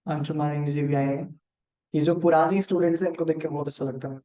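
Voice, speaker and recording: A man with an Indian accent teaching a live online class on marketing. He talks fast on purpose and works through examples while checking in with his students. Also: fairly high pitch, steady tone, dark tone. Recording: echoey room, dull lo-fi sound.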